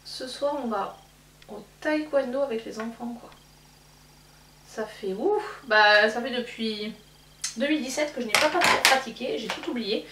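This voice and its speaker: A woman in her thirties, a beauty vlogger, rambles casually with plenty of fillers while applying makeup for a get-ready-with-me chat. Her voice is a little high and her pace measured; the room echoes, the mic sits at a distance, and a faint hum is audible.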